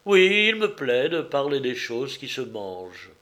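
Brief: male narrator, unhurried, mid-pitched, careful literary audiobook delivery. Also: very animated, sharp tone. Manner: measured, precise storytelling. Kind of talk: audiobook reading of a novel.

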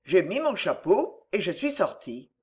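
A woman's voice: fairly low pitch, big pitch swings, unhurried, darkish tone. A woman giving a dramatic literary reading, speaking conspiratorially to the listener. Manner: conspiratorial, addressing the listener directly. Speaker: reader.

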